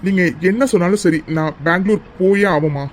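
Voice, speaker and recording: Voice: medium pitch, fairly quick, slight background noise, lightly acted. A voice actor playing a stubborn grown son, a doctor, who is firm in his decision but pleads with his family. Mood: insistent. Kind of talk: cartoon voice acting.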